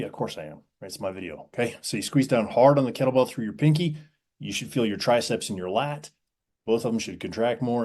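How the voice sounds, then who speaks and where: A man's voice: fairly low pitch, a little mellow. A man coaching kettlebell technique in a casual, conversational way, checking in with "right?" and "okay?" as he goes. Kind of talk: casual instructional video. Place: indoors, seated on an old wooden chair.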